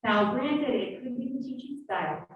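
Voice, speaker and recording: Woman teaching a workshop, fairly high voice, muffled far-off mic. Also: normal speed. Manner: lively, coaxing audience answers. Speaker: workshop instructor. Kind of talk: live leadership workshop talk. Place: classroom. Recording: echoey room, distant muffled mic.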